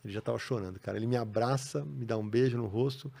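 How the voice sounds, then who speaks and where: Brief: Brazilian man, guest on a studio podcast, gravelly mid voice, lively storyteller who acts out the people he quotes. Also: mid-range voice, fast. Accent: Brazilian Portuguese. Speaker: podcast guest, comics writer. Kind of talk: casual storytelling.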